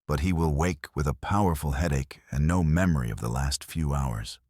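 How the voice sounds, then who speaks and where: A man voicing a stern, weathered old Apache elder who speaks in a grave, measured, formal way. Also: extremely low pitch, a little mellow, no echo, studio quality.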